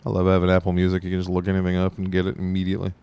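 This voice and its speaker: A man's voice: deep voice, monotone, very fast, warm tone, clean tone. A man telling a rambling story in a casual podcast chat, wry and drawn out. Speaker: podcast host.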